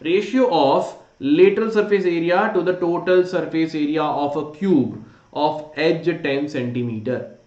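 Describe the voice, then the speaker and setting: A man's voice: fairly high pitch, a little slow, darkish tone. A man with an Indian accent teaching a live online quiz class, informally urging students on and mixing Hindi phrases into his English. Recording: dull, roomy, echoey sound.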